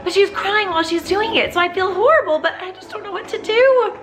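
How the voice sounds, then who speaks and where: Chatty young mom with a high, lively voice. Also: female voice, quick pace, soft background music. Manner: chatty, candid, praising her toddler in a sing-song voice. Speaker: mother and vlogger. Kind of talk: casual home vlog chat.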